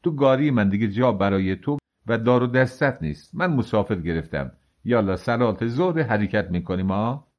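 Rough, threatening male carter, coarse; a man reading all parts. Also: fairly low pitch, lively intonation, natural voice.

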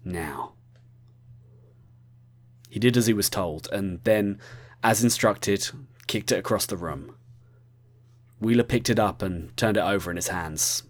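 Male storyteller, lowish voice, scripted heist narration, talks to the listener at times. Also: normal speed. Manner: addresses the listener directly.

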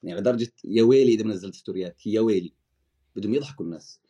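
Casting: man, motivational guest, rapid, dark husky voice. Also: on the low side. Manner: coaching, direct, addresses listener. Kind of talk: casual chat.

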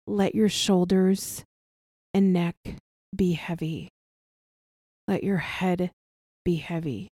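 A woman leading a guided body relaxation as an instructor, speaking softly and soothingly with long pauses between short phrases. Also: on the low side, steady tone, no echo, studio quality. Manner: soft, gentle, soothing delivery with long pauses. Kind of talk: guided somatic relaxation practice.

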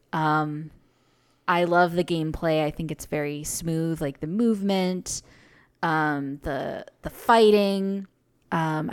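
A woman's voice: lowish voice, smooth. A woman chatting casually as a podcast guest, talking with lots of fillers and laughs. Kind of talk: casual chat.

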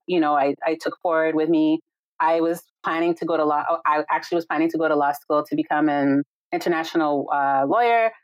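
A Jamaican woman with a low voice, a yoga and meditation teacher appearing as a guest, chats casually over a video call. She sounds warm and reflective, often saying "right?" and "like." The recording is rough, with no room sound.

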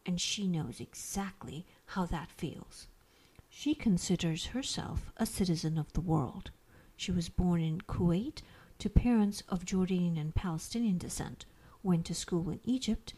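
A woman's voice: on the low side, warm tone, husky. A woman hosting a podcast, reading a scripted intro and then chatting with her guest in an upbeat, encouraging way. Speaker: podcast host. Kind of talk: scripted intro, then casual interview chat.

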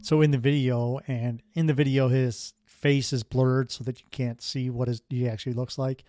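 Podcast guy rambling through a weird story, dark mellow voice, dry sound. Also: medium pitch, flat delivery, moderate pace, dry recording. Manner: rambling, wry asides and self-questioning. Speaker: podcast host.

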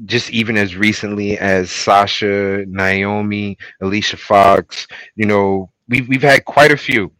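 A man's voice: lowish voice, sharp tone, no room sound, rough recording. A middle-aged man hosting a podcast in casual talk, emphatic and repeating phrases, with some swearing. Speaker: podcast host.

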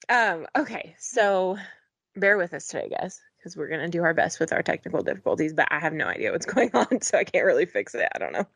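Young female co-host, husky, gravelly low voice, dry close sound, easygoing and quick to laugh. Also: sing-song, fairly bright tone, no room sound. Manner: easygoing, laughs often, keeps the show moving. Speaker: podcast co-host. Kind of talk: casual chat.

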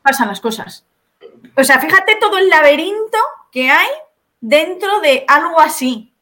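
A woman's voice: sits high, lively intonation, a little slow, sharp tone. A woman with a Spain Spanish accent, a video creator explaining her points one by one as a podcast guest. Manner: explanatory, methodical, lays out points. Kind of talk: podcast conversation.

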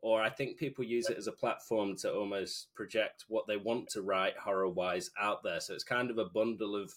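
A British man speaks in a slightly low voice. He sounds like an informal podcast co-host, joking and chatting casually, with the odd swear word. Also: steady tone, moderate pace, a bit bright. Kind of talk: casual chat with reading aloud.

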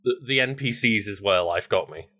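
A man co-hosting a podcast in a relaxed, rambling way, with a lowish voice. He fills his talk with "like" and swears casually. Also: normal speed. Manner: rambling, many filler likes, relaxed swearing. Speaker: podcast co-host. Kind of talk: casual chat.

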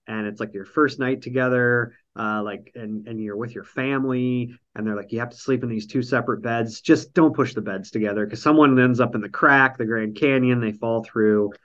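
A man's voice: medium pitch, fairly even intonation, moderate pace, hardly any pauses, fairly bright tone, muffled recording. A man with a nasal voice, hosting a casual podcast chat over an online call, rambling through a recap with lots of ums and dry jokes. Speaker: podcast host recapping a reality show.

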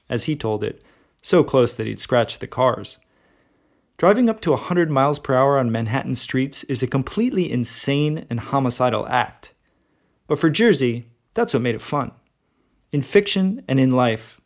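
Wry male podcast narrator. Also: mid-range voice. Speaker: podcast host, bookseller. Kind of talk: scripted narration.

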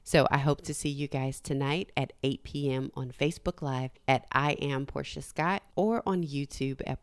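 Low-voiced woman, emphatic podcast host. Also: vocal fry, clear, resonant tone, dry recording. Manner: emphatic motivational delivery with repeated phrases. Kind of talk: casual solo podcast announcement.

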